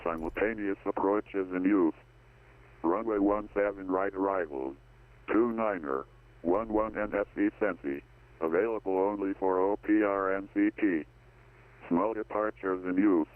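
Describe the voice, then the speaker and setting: A deep male voice plays as an automated airport weather broadcast, listing visibility, clouds and runways in a level, unhurried recitation. It comes through a thin, phone-like radio channel with the low end stripped away. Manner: flat, even reading of weather and runway data. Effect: automated airport weather broadcast over radio. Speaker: automated terminal information service. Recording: tinny lo-fi radio feed.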